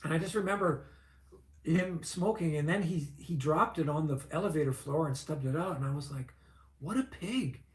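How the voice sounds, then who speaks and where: A man's voice: a little high, brisk, reverberant. A man in his fifties, a vlogger, telling a long personal story in a chatty, rambling way full of fillers and asides. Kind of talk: casual storytelling.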